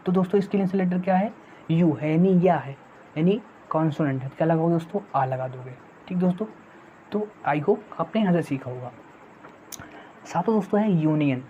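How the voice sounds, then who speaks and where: A woman's voice: fairly low pitch, brisk. A woman teaching English grammar in an online exam-prep lesson, often asking the viewers rhetorical questions and repeating her points. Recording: dull lo-fi sound with faint noise.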